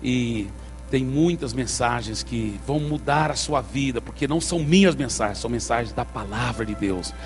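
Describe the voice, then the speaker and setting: A man's voice: mid-range voice, normal speed, soft background music. A man preaching a sermon as pastor, telling a story with energy and calling out to the congregation in a church hall.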